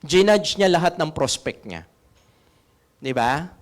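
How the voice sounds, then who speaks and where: High-pitched man coaching a seminar. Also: animated, slow pace. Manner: coaching, keeps asking the audience questions. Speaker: sales trainer. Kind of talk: seminar talk.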